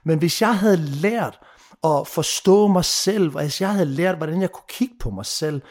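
A man in his thirties speaks with real passion in a relaxed podcast conversation. His voice sits somewhat high for a man, and he pushes his points hard, swears freely and slips into English phrases. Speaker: mentor and guest.

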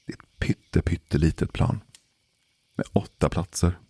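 A man telling a personal story in a casual, measured way, pausing for suspense. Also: low-pitched, dark tone, slightly rough, no room sound. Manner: measured, deliberate pauses for suspense. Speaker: podcast storyteller.

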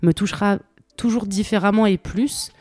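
On a podcast, a co-host whose first language is French works through song lyrics with enthusiasm and plenty of hesitation in a casual chat. She speaks at a moderate pace in a mid-range, darkish voice, with no room sound.

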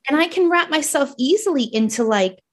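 Brisk and expressive, with a high-pitched voice, a woman in her thirties from New Jersey speaks as a coach and guest on a podcast. Her Jersey accent carries an earnest, reflective style of talk.

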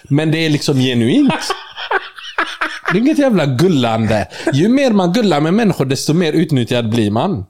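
Laughing young man, slangy banter. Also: fairly high pitch. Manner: laughs often, slangy, animated storytelling with mimicked quotes. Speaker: podcast co-host. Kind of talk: casual banter between friends.

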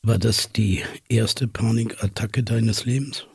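An actor playing a podcast host who asks probing, slightly hesitant questions in an audio drama. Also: male voice, on the low side, steady tone, takes it slowly, gravelly, husky, no echo, heavily acted.

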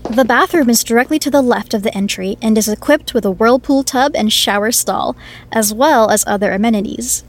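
A woman's voice: on the high side, fairly quick, lightly acted. A woman playing a courteous inn hostess. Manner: courteous, descriptive tour-guide tone. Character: polite attentive inn hostess.

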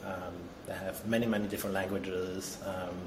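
A man's voice: low voice, moderate pace. A man from Denmark, a guest in a casual interview, who often hesitates with ums and restarts. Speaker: guest, tech executive. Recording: echoey room with steady noise.

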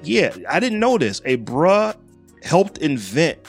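A man's voice: on the high side, very animated, takes it slowly, slightly rough, soft background music. A middle-aged man hosting a casual podcast. He reads a spotlight segment from his notes and breaks off into slangy, joking asides. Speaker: podcast host.

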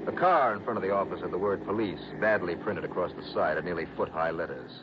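A man plays a skeptical American investigator in an old-time radio drama. The voice is low, crisp and probing. The recording is dull, with faint noise. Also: fast talker, natural voice. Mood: narrating. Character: dry, probing male investigator, narrating his case. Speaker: lead actor and narrator.

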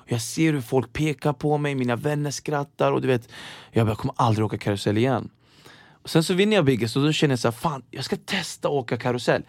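A young man telling lively stories in casual chat, acting out the people in them. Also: medium pitch, dry recording. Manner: animated, acts out voices in his anecdotes. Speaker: guest.

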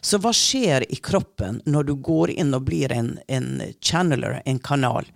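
A middle-aged woman telling her own experiences as a guest in an interview, calm and unhurried, a little halting. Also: rumbling low, creaky, no room sound, clean studio sound. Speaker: guest channeler. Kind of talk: reflective personal storytelling in interview.

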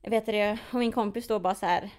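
A woman's voice: mid-range voice, steady tone, darkish tone. A young woman, telling a story in casual podcast chat, full of fillers and acted-out reactions. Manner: chatty storyteller, filler-heavy, acts out her own reactions.

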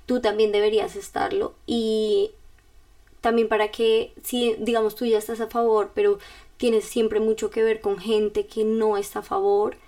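A young Colombian woman speaks in a relaxed, confiding tone, as if sharing a secret with a close friend. Her voice has a gravelly, creaky texture at a middle pitch. She sits back a little from the microphone, so the sound is slightly distant. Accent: Colombian Spanish. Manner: casual, confiding, calls the listener "bebé". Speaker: vlogger. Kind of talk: personal storytelling.

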